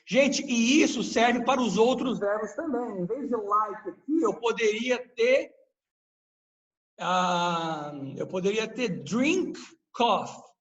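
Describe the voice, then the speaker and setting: A man's voice: high voice, slow, a bit bright, highs cut off. A man teaching English grammar in a live online class, patiently explaining and quizzing his students with questions.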